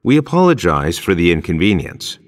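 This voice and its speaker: A man plays a courteous airline announcer making a formal airport announcement. His voice is fairly low, with very varied intonation. It rings out with long reverberation, as in a big hall. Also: big pitch swings. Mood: formal, apologetic. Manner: measured, formal, clearly scripted delivery. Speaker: airport announcer in a listening test. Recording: long hall reverb, public-address sound.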